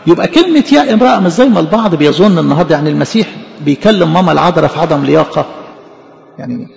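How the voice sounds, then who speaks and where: A fast-talking Egyptian preacher with a high, gravelly voice. He keeps asking questions and answering them himself. The sound is dull and lo-fi, with a long echo from a big hall. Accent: Egyptian Arabic. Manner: animated, poses rhetorical questions and answers them. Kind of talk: sermon.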